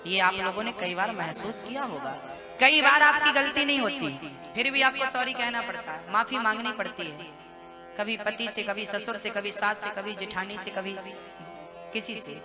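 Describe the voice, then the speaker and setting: Folksy male preacher over soft music. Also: high-pitched, normal speed. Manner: folksy, rhetorical questions, sings couplets. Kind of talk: devotional sermon to a live gathering. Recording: music behind the voice.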